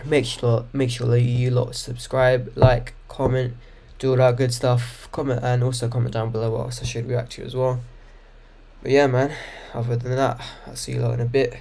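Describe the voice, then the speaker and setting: A young man hosting a reaction video, commenting casually and breaking into loud, mocking bursts of disbelief. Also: medium pitch, little pitch movement, normal speed, creaky.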